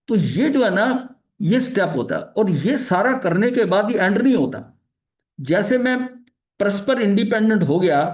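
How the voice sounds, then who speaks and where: A man's voice: high voice, darkish tone. A man leading a religious study session, explaining ideas in a conversational teaching manner with frequent filler phrases, restarts, and English terms mixed in. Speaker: spiritual study leader.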